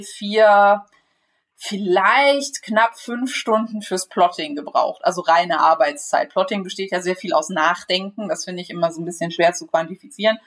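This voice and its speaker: A woman's voice: mid-range voice, a bit bright. Chatty woman author with restarts. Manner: chatty, many restarts and laughs, swears casually. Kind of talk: casual podcast chat.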